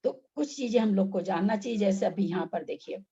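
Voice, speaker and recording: Breathy woman teaching over a dull call line. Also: mid-range voice, brisk, dark tone. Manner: patient, explains step by step with repeated examples. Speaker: Sanskrit reading teacher. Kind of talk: online class lesson.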